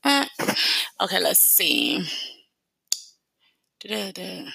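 A fast-talking New woman hosts her podcast, rambling in slangy, casual talk. Her low voice has a gravelly fry and a bright, forceful edge. The close mic gives a dry sound. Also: no room sound. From New York. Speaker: podcast host.

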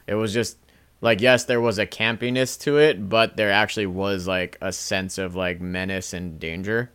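A man with a somewhat low voice chatting loosely about films with friends. He swears freely and gets animated. The talk is easy and conversational. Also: moderate pace, smooth. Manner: swearing, laughing, animated asides. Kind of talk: casual film discussion.

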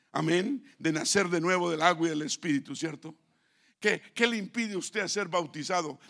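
High, gravelly-voiced preaching man. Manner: swings between soft asides and loud shouted declarations; slow, drawn-out emphasis on key phrases. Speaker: pastor. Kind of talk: Pentecostal-style sermon.

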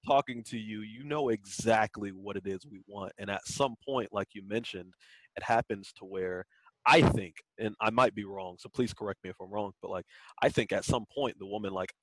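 A man's voice: fairly low pitch, normal speed, no room sound, rough recording. A man co-hosting a podcast, talking candidly and loosely with lots of fillers in casual chat. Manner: candid, rambling, many fillers. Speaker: podcast co-host.

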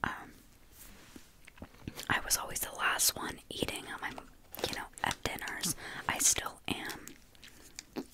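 A young woman whispering softly in a chatty ASMR snack-tasting video, with eating sounds between her words. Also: slow pace, pauses often. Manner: chatty, says like and you know often.

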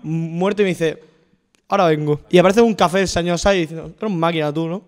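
A man's voice: a little high, steady tone, fast. A male podcast host in a chummy, exclamatory chat who swears freely. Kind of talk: casual chat.

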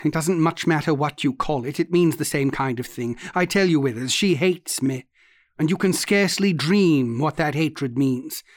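In an audiobook story, a man voices an intense, haunted young man who talks earnestly and insistently, at times gutturally, in a brooding mood. His pitch sits on the high side, close to an everyday voice, at a moderate pace. The studio recording is clean, with no room sound.

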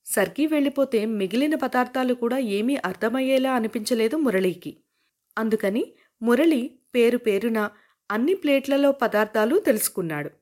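Woman with a slightly high voice, reading a novel. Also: lively intonation, moderate pace, a little mellow. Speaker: narrator.

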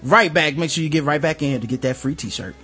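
A man's voice: a little high, brisk, over music. A man hosting a radio show in an informal, slangy way, doing a playful contest promo for callers. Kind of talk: casual chat.

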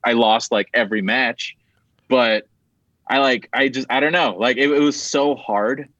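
A man chats casually on a podcast, sounding enthusiastic and swearing freely. His voice sits at a middle pitch. The recording is slightly muffled and dry, with no room echo. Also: a little slow, a bit bright.

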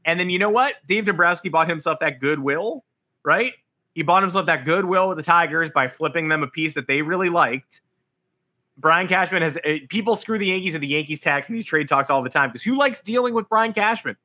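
A man with a hoarse, worn-out voice hosting a casual sports podcast in an animated, sarcastic way. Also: on the high side, fairly quick. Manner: animated, sarcastic, acts out imagined quotes.

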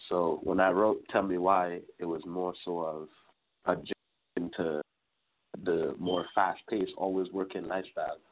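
A young man in his twenties from Trinidad and Tobago, talking casually as a musician guest in an interview, relaxed and rambling. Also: sits low, a little slow. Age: 20s. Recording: tinny phone-like line.

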